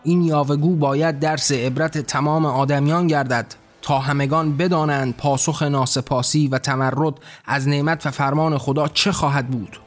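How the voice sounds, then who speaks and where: A man's voice: fairly high pitch, steady tone, few pauses, faint music behind, lightly acted. Man voicing a furious thundering god. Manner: thundering, commanding shouts. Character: wrathful almighty male god on a throne.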